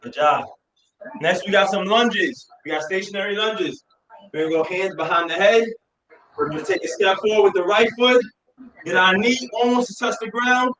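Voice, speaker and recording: Male fitness coach, aerobics instructor delivery, higher voice, encouraging with shouted cheers, roomy sound with faint noise. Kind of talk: aerobics instructor leading a workout, counting reps and calling out exercises. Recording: echoey room, distant mic, faint noise.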